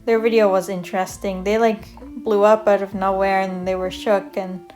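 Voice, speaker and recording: A young Canadian woman, an art vlogger, chats casually over a draw-with-me video, rambling with plenty of fillers and self-corrections. Her voice sits in the mid-range with little pitch movement, and she speaks at a normal speed. Soft guitar music plays in the background.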